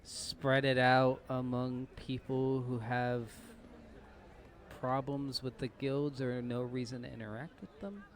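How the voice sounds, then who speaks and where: A man acting as game master improvises the narration and rules of a tabletop game, thinking aloud haltingly. His voice is mid-range and steady in tone.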